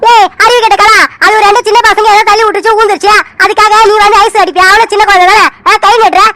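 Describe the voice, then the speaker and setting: A woman voicing a combative young mother who argues back in an animated family drama. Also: very high voice, fast talker, a little hiss or hum. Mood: defiant. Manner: combative, retorting. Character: defiant protective young mother.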